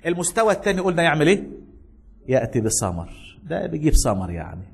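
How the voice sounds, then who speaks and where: An Egyptian man preaches to his congregation with a husky, slightly breathy voice. He sits a little high for a man and keeps throwing questions out to the room. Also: fast. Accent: Egyptian Arabic. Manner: animated, calls out questions to the congregation. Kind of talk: sermon with storytelling.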